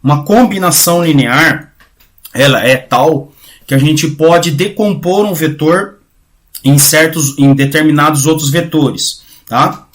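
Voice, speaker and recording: A man teaching a relaxed math class with a slightly high voice. He keeps tagging short checks onto his sentences, trips over words and restarts them, and drops his voice while he works at the board. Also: unhurried. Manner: casual, repeats "tá?" and "né?" often, restarts mid-phrase. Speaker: math lecturer. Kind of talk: informal recorded lecture.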